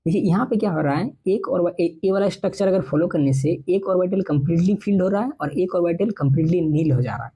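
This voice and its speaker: A young man teaching chemistry for entrance exams, reading textbook lines slowly and then explaining them quickly in a mix of Hindi and English. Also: high-pitched, mellow, husky, poor audio. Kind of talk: exam-prep lecture.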